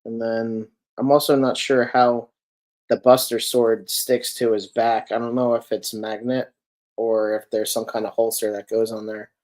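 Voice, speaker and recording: A man's voice: medium pitch, flat delivery, measured pace, a little mellow. A man co-hosting a podcast, talking casually and rambling with lots of filler words as he looks over figures. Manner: rambling, full of ums and likes, self-correcting. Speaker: podcast co-host reviewing collectible figures. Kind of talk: casual chat.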